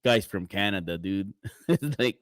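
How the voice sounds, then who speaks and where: A man on a casual streamed chat, relaxed and enthusiastic, leaning on fillers like "like" and "uh". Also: lowish voice, a little slow, no room sound, studio quality. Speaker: guest.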